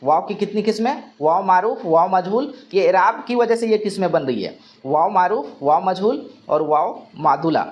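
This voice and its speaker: A man's voice: high voice, animated, normal speed, lo-fi sound. A male teacher giving an exam-prep grammar lesson, asking questions and answering them himself, repeating key terms.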